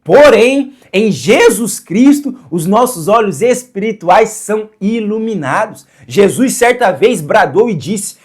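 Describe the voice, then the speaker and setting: A man's voice: sits high, lively intonation, slow, few pauses, breathy edge. Earnest male preacher with rhetorical questions. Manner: earnest, asks rhetorical questions and answers them; repeats phrases for emphasis. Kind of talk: sermon to camera.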